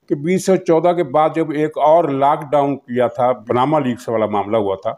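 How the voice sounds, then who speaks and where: A man with a Pakistani accent offers unscripted political commentary, explaining his points and repeating phrases for emphasis. His voice is medium in pitch and a little mellow.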